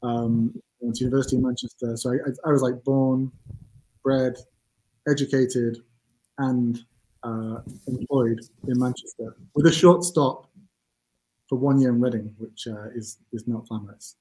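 A Mancunian man in his forties speaks as an interview guest over a webcam call. His voice is dark and mellow, and he talks casually, hesitantly and with self-deprecating asides. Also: medium pitch, steady tone, moderate pace, poor audio. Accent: Mancunian English. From England. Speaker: CEO guest. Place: home office room. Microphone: video call webcam.

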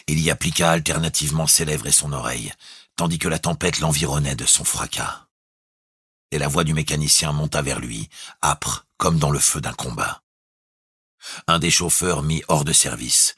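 A man reading a classic novel aloud as an audiobook, in a measured, expressive storytelling manner. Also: very deep voice, slightly rough, no room sound, clean studio sound. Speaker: audiobook reader. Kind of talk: literary audiobook narration.

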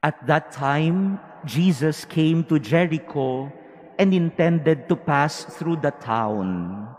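A man serving as a priest, proclaiming the gospel at Mass in a measured, solemn way, his voice ringing with cathedral echo. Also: fairly high pitch, lively intonation, darkish tone. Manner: measured, solemn, deliberate delivery. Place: large cathedral. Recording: long reverb of a large cathedral.

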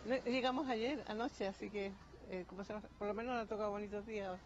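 A middle-aged woman, a tourist on the beach, answers a reporter's questions through a handheld mic. She speaks hesitantly, often pausing to find her words. Her voice sits mid-range, and the audio is slightly muffled with faint background noise. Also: mid-range voice, steady tone. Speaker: interviewed tourist. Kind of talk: casual street interview. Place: beach under umbrellas, outdoors.

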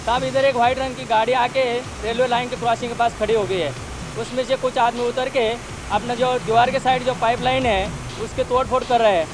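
A man's voice: very high voice, fairly even intonation, fairly quick, background noise. A man playing an urgent security guard reporting to control in a clipped radio dispatch manner. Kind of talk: acted radio dispatch call in a documentary re-enactment.

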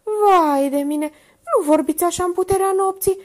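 A woman doing a shrill, panicky chatterbox. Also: a little mellow. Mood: gossipy. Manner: shrill, exclaiming, breathless. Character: panicky chatty simple woman, easily frightened.

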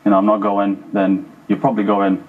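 A man in his thirties, originally from Afghanistan, sits on a television studio sofa and answers an interviewer through a lapel mic. His voice is low and husky, and he speaks haltingly, repeating words as he searches for them. His pitch stays flat throughout. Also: narrow, tinny audio. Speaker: former paratrooper guest.

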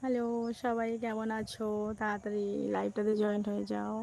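A woman chatting casually on a live stream outdoors while out fishing, talking softly at times and repeatedly greeting her viewers. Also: medium pitch, level tone, brisk, vocal fry, slight background noise. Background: crickets and insects.

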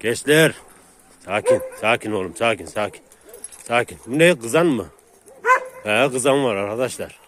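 Man, vlogger on a dog walk, mid pitch, noisy outdoor phone audio with dogs behind. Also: lively intonation, normal speed, pauses often. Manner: talks to viewers between calls and commands to his dogs. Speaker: vlogger walking his dogs. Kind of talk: casual vlog to viewers. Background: dogs barking and outdoor noise.

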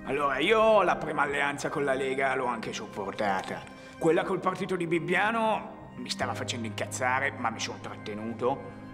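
A man's voice: mid-range voice, very animated, moderate pace, over music, close to an everyday voice. A man playing a hot-tempered former party member in a mockumentary interview, talking bluntly and colloquially. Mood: aggrieved. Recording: reverberant room.

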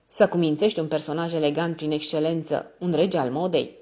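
A woman's voice: low voice, fairly even intonation, darkish tone, highs cut off. A woman reading the part of a sly, hypocritical older woman who speaks sweetly and mockingly. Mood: sweetly teasing.

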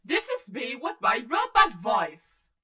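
Woman through a metallic robot voice filter. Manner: slow, flat demo phrase. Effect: robot voice filter, pitched down with layered echo. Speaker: software tutorial maker. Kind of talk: voice effect demonstration.

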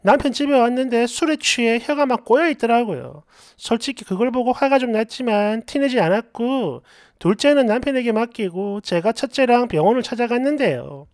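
A woman narrating a reader's submitted story in the first person, expressive and acting out the quoted lines. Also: fairly high pitch, moderate pace, dry recording, studio quality. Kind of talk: dramatic reading of a reader's story.

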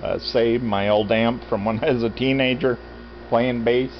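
This fifties-aged American vlogger who lives on a farm talks through a cluttered concrete basement, narrating casually into a handheld camera held at arm's length. His pitch is medium and his intonation fairly even, at a moderate pace with faint music behind him. A loud radio runs nonstop, and the dull, lo-fi camera audio picks up plenty of background sound.

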